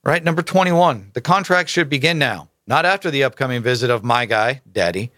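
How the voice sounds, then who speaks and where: Male commentary host, mid-pitched, emphatic and rhetorical, dry close recording. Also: lively intonation, a little fast, bright, forceful tone, no echo. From United States. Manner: emphatic, rhetorical asides, stumbles over names. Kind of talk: casual political commentary, reading articles aloud.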